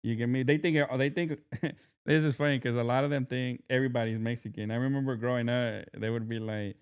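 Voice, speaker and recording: A man's voice: medium pitch, steady tone, a little fast, smooth. A man hosting a podcast from Southern California, chatting casually in laid-back street slang with plenty of fillers. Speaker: podcast host. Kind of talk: casual chat.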